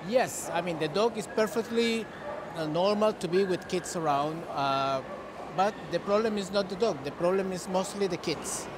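This is a middle-aged man from Costa Rica, a native Spanish speaker with the local accent, chatting through an interview about his work as a dog breeder. His voice sits high and moves at a normal speed. Behind him, a large indoor dog show hall fills the recording with echoing noise and bustle.

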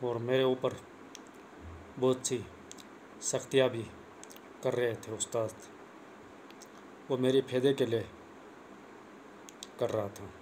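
Speaking slowly and pausing often, this young male cricket coach vlogger walks through bowling in a plain, repetitive, earnest way. His medium-pitched voice is darkish, with fairly even intonation, and a little hiss or hum sits under it. It's a casual spoken tutorial recorded in a small room on a clip-on lapel mic, phone camera close.

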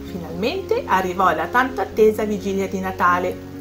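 A woman's voice: mid-range voice, moderate pace, fairly bright tone, soft background music. A woman narrating a children's bedtime story, speaking directly to the young listeners.

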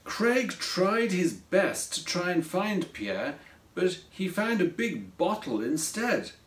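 A man who wrote the story reads it aloud slowly and expressively as children's storybook narration. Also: high voice. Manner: slow, expressive read-aloud. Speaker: author reading his own story. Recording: roomy echo from a distance.

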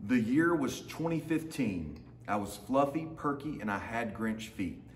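A teacher in his thirties reads a children's picture book aloud to his students, adding short asides to them, in a large open indoor lounge with a hard floor. His mid-range voice swings widely in pitch at a slightly slow pace. The recording has a roomy echo and faint background noise.

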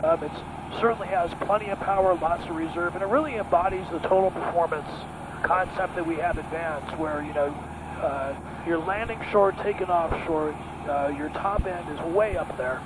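A middle-aged male pilot with a slightly raised pitch explains the plane with enthusiasm and at a measured pace. He speaks through a headset boom mic in a small cockpit in flight, while a loud engine drone sits clearly behind him. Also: noisy background. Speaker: aircraft company pilot. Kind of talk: casual cockpit conversation.

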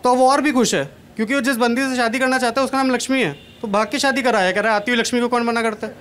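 A man's voice: extremely high pitch, fairly even intonation, quick pace, a bit bright. A young man from Kanpur doing a stand-up comedy set on a large stage, talking into a handheld mic with a chatty, self-deprecating manner. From Kanpur, India. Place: large stage at an event, indoors.

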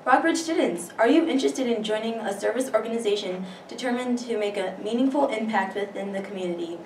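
Higher-voiced teen girl reading announcements. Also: fast talker. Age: teens. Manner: reads announcements steadily, with the odd stumble. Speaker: student news anchor. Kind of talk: school announcements. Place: school studio room. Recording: echoey room, distant mic, faint hiss.

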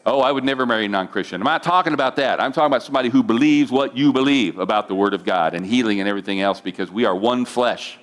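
A man's voice: mid-range voice, racing, few pauses. A middle-aged man, a pastor, telling a personal testimony in a sermon, his voice climbing when he gets emotional. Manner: emotional storytelling, voice rising when moved.

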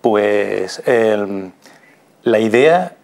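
A man in his thirties from Spain, speaking with a Spanish accent, explains things conversationally as an interview guest in a small TV studio, wearing a lapel mic. He's a radio theatre performer whose low-leaning voice is expressive, extremely slow, creaky and a little mellow.

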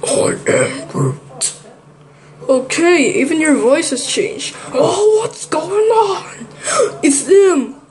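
A woman voicing an excitable young male space hero in a fan-made toy animation. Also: high-pitched, very slow, exaggerated voice. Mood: surprised. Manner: shouty and excitable. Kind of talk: fan stop-motion voice acting.

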